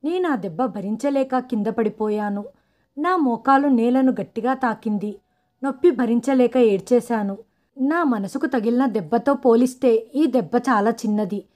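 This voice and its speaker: A woman's voice: fairly high pitch, darkish tone. A woman narrating a first-person domestic drama in a dramatic, emotional storytelling manner.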